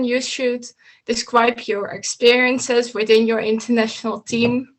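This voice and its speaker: A woman coach with a slightly high, fairly bright voice walks students through slides in an online meeting. She speaks steadily and instructively, stumbling and restarting a few times. She's on a video call from an indoor home room lined with bookshelves.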